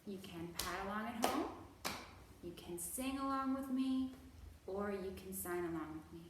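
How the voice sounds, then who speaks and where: A woman with an expressive mid-range voice runs a children's library storytime, gently encouraging her young audience and stretching out key words in slow, exaggerated fashion. The mic is far away in a very echoey room, with faint noise.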